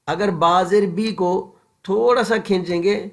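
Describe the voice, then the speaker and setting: A man teaching Quran recitation in an informal tajweed lesson, patiently repeating each example slowly and checking that viewers follow. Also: sits high, steady tone, gravelly, fairly bright tone. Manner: frequent fillers and checks for understanding. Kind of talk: informal tajweed lesson over a screen-shared book.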